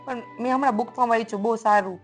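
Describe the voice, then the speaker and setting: A woman's voice: on the high side, steady tone, very fast, faint music behind. Chatty young woman podcast host. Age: young adult. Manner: agreeing, chatty, conversational. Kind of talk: casual podcast conversation.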